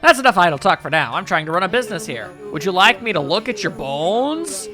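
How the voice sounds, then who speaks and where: A man's voice: high-pitched, big pitch swings, fairly quick, music in the background. A man voicing an eccentric, bone-obsessed woman fortune teller from a video game, delivering dramatic, mystical prophecies. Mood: businesslike, mystical. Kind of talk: comic read-aloud of video game dialogue.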